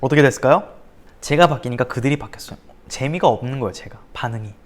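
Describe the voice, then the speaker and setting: A young man preaching to middle schoolers at a church service. He swings between loud, animated retellings of his school days and hushed, whispered passages. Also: mid-range voice, quick pace. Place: church, recorded for an online service.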